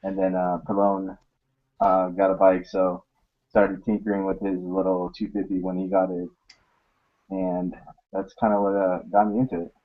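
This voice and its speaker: A man's voice: low-pitched, level tone, normal speed, narrow, tinny audio. A young man chatting casually in a group with laid-back, slangy, profanity-laced delivery. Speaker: motovlogger in a group hangout.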